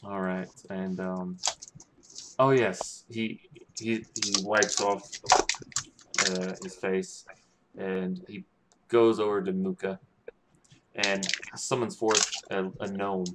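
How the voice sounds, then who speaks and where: A man narrating a tabletop game as game master, halting and full of restarts. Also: low voice, little pitch movement. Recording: noisy with clicking.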